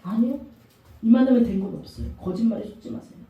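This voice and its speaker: A middle-aged woman pastor preaching a sermon, animated and emphatic, asking the congregation questions. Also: fairly high pitch, quick pace, muffled recording. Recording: echoey room from far off.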